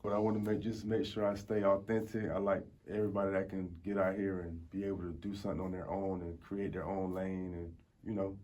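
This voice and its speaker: Guy in his 40s, low voice, chatting casual w lots of slang, food reviewer being interviewed. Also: flat delivery, a little fast, few pauses, darkish tone. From Tampa, Florida, United States. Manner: informal, street slang. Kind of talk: casual conversational storytelling.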